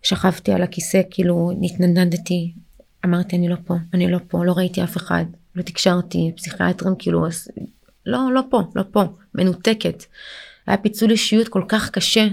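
Young woman guest, gravelly edge, halting personal testimony with lots of restarts. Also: lowish voice, level tone, a little mellow. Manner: halting, full of fillers and restarts. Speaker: interview guest.

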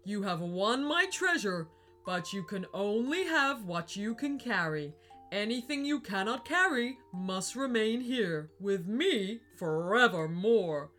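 A woman voicing a tall ghostly Viking warrior in a storybook reading, speaking slowly and grandly. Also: expressive, fairly bright tone. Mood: solemn. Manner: slow, grand and booming.

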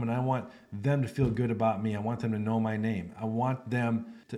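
A man's voice: medium pitch, darkish tone. A man hosting a podcast, talking in a folksy, emphatic monologue full of repeated phrases. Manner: acts out phone calls in quotes. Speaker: podcast host. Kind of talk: casual monologue.

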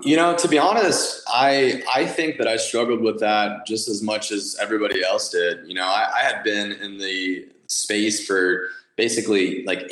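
A man's voice: lowish voice, fairly bright tone. Enthusiastic young man in an echoey room. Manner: enthusiastic, many fillers and restarts. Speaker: guest, nutrition company founder. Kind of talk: conversational podcast interview.

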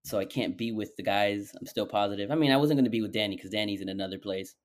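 A man's voice: lowish voice, fast talker. A man co-hosting a podcast in casual, joking banter, on his own microphone. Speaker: podcast co-host. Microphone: own microphone, joining remotely by call.

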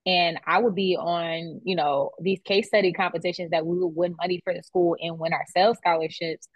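A young woman speaks as an interview guest, her voice fairly low for a woman and a little dull, as if recorded on modest gear. The room is dry and close, with no echo. She talks loosely and keeps checking in with "right?". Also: steady tone, brisk. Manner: conversational, many "like" and "right?" tags. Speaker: guest, beauty business founder. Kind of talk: casual interview chat.

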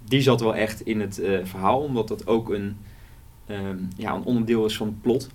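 A man's voice: on the low side, fairly even intonation, normal speed, darkish tone. A man, an author, talking through his novel in a casual interview, hesitant and full of fillers. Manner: hesitant, many fillers and restarts.

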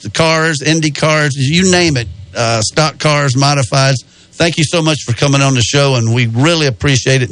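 A man hosting a sports radio show, talking casually in a halting, folksy, appreciative way. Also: fairly high pitch, fairly bright tone. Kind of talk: casual live interview and show talk.

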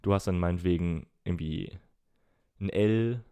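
A man's voice: low voice, normal speed, mellow, clear, resonant tone. A young man in his twenties, co-hosting a podcast in casual chat, explaining things at length with many fillers. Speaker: podcast co-host.

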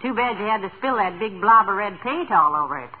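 Woman acting teasing wife, gently sarcastic, patient, animated pitch, old radio comedy, narrow-band sound. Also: a little fast, a little hiss or hum, lightly acted. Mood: dryly teasing. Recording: tinny vintage radio broadcast.

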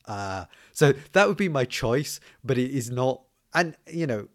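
This man, a podcast guest in casual conversation, has a mid-range voice that is very animated and a little slow. His light accent blends Scottish and southern English, and he hesitates often, restarting sentences with fillers.

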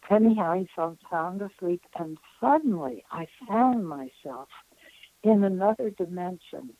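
An elderly woman in her nineties speaks as an interview guest, recounting a spiritual experience. Her voice sits low and warm, and she talks very slowly with many pauses. The sound is dry and close, with no room around it. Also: animated, no echo, narrow, tinny audio. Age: 90s. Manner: earnest, reflective, with frequent pauses.

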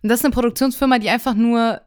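A woman in her twenties banters in a casual podcast. Her voice is a touch high, and she teases her co-host playfully, tossing in English phrases. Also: steady tone, racing, darkish tone, clear, resonant tone, no room sound, studio quality. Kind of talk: casual chat.

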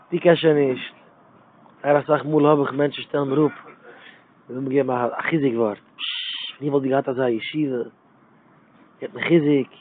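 A fairly high-pitched male voice comes through a thin, tinny line that sounds like a phone call. He is middle-aged and gives an informal religious talk. He keeps repeating phrases and hammering points home with emphasis. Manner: repetitive and emphatic, circling back to phrases. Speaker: religious speaker.

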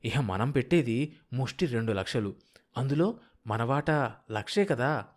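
A man voicing a sharp-tongued, scheming middle-aged wife who scolds her husband. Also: medium pitch, expressive, measured pace. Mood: scolding. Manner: bossy, impatient, scolding.

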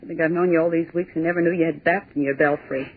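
In a tinny 1940s radio broadcast, an actress with a low, steady, slightly breathy voice plays a brash, sarcastic young office typist. She talks in a scoffing, bossy way and fires off quick retorts.

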